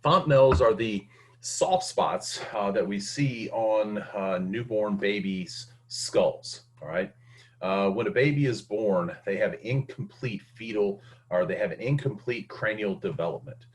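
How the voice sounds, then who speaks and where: A man's voice: fairly low pitch, measured pace. A man teaching an anatomy lesson, explaining step by step with frequent fillers and restarts. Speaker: anatomy instructor. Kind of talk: recorded lecture.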